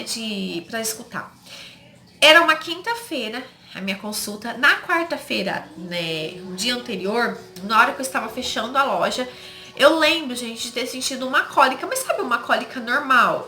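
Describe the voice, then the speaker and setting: Bright-voiced Brazilian woman telling a story. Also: fairly high pitch. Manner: emotional, addresses viewers as "gente", quotes others. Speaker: vlogger. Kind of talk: personal story told to viewers. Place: home. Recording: echoey home room with faint noise.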